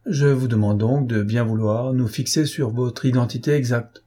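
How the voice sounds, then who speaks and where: A man reading the part of a fussy, self-important investigating judge in an audiobook, with a husky voice and insistent, exasperated questions. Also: mid-range voice, steady tone, normal speed, warm tone, natural voice.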